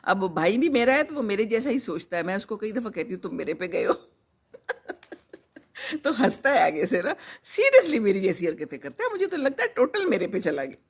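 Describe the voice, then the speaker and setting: A woman's voice: fairly high pitch, big pitch swings, normal speed, slightly rough. Older woman chatting on a live stream. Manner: rambling, chatty, conversational, wanders off topic. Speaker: host. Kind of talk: live-stream chat reading viewer comments.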